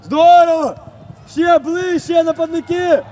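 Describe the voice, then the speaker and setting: A man coaching youth footballers from the sideline of an outdoor pitch, calling out loud encouragement and praise, picked up by a distant camera mic. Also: fairly even intonation, measured pace, a little hiss or hum. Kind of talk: sideline shouting.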